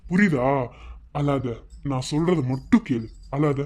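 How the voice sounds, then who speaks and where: A man's voice: on the high side, animated, unhurried, a little mellow. Man voicing a coaxing cartoon husband. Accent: Madurai Tamil. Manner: coaxing, pleading to be heard. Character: patient young husband comforting his wife.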